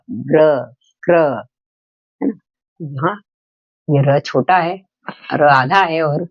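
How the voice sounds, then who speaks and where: Male teacher, patient and repetitive, with a gravelly, slightly high voice, recorded in a dry, muffled setup. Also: dry recording. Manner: patient, explains slowly with repetition and examples. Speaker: Hindi teacher. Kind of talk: step-by-step grammar lesson for children.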